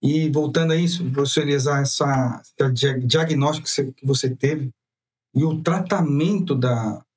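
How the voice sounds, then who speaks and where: A husky-voiced Brazilian man hosts the interview, recorded from off the mic. He asks long, wandering questions and keeps up a stream of short replies. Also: mid-range voice, normal speed, a little mellow, distant mic. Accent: Brazilian Portuguese. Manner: rambling questions, frequent back-channel replies. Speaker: podcast host.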